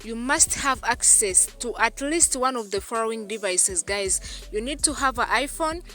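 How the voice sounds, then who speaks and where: Narrating a screen-recorded tutorial for her YouTube channel, this woman from Uganda has a fairly high, expressive, sharp-toned voice and talks at normal speed. She's repetitive and constantly addresses her audience as "guys".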